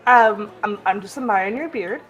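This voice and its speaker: A woman's voice: medium pitch, moderate pace, a bit bright, soft background music, poor audio. Eager woman playing a tabletop game. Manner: eager, stumbling questions. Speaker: player. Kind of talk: tabletop role-play.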